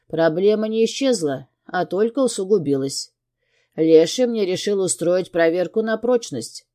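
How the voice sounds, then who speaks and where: A woman's voice: lowish voice, lively intonation, a little slow, mellow. A woman reading an audiobook and voicing a tough, hot-tempered male crime boss who gives harsh commands. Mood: cold. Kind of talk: audiobook character voice.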